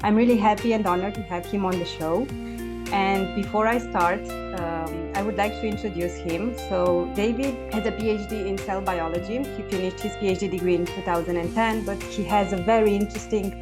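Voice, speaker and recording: A woman's voice: mid-range voice, steady tone, fairly quick. A woman hosting a podcast interview, speaking hesitantly with many fillers. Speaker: podcast host. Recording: speech over background music.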